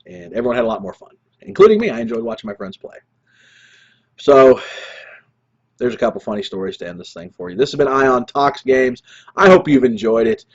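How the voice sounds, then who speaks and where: A man's voice: medium pitch, sing-song, a little fast, slightly rough, lo-fi sound. A man in his thirties, a streaming show host, telling rambling gaming stories in casual chat with chuckles and restarts. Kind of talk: casual gaming story monologue.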